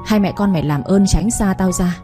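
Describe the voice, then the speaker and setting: A woman voicing an angry older mother-in-law who scolds and curses in a fast, harsh voice. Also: mid-range voice, music in the background, lightly acted. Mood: furious.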